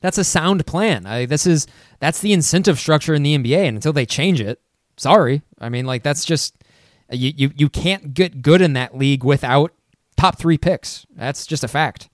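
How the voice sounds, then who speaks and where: Halting man on a sports podcast. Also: fairly high pitch, no room sound, studio quality. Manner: halting, with many restarts and fillers. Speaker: podcast co-host. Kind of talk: casual sports podcast chat.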